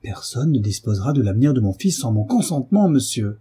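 A frightened young wife who pleads in formal, dignified words, as a man reading aloud puts her on. The voice is raised in pitch and stays soft beneath the reader's dark, husky tone. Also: sing-song, brisk. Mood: firm.

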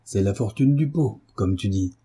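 A male audiobook reader voicing a brooding middle-aged husband who speaks with icy calm and sardonic bite. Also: lowish voice, normal speed, breathy edge. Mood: sardonic gloating.

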